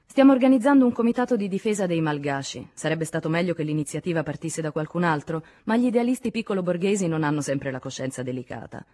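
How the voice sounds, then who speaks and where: A heated, insistent male activist, as a woman reads him aloud in an audiobook. The voice stays low and husky, pressing hard and reproaching the listener. It sounds dark and weighted rather than bright. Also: animated, fast, few pauses. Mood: urgent. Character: vehement middle-aged male communist activist.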